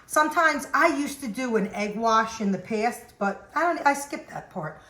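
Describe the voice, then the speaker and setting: A woman's voice: on the high side, moderate pace. Chatty woman cooking in a roomy kitchen. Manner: relaxed, chatty, explains steps as she goes. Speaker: home cook demonstrating recipes. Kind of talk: casual cooking demonstration. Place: home kitchen.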